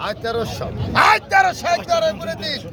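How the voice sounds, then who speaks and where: High-pitched Bangladeshi male auctioneer chanting bids. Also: animated, quick pace, crowd noise. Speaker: fish market auctioneer. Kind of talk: live auction calling. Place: busy fish wholesale market. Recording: busy crowded outdoor market noise.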